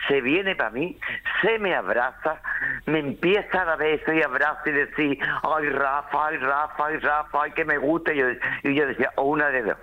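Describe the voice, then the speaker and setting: A man from Málaga with an Andalusian accent, telling an animated anecdote on radio and acting out the voices in it. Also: mid-range voice, lo-fi sound. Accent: Andalusian Spanish. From Málaga, Spain. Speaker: radio contributor. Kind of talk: casual radio chat, storytelling.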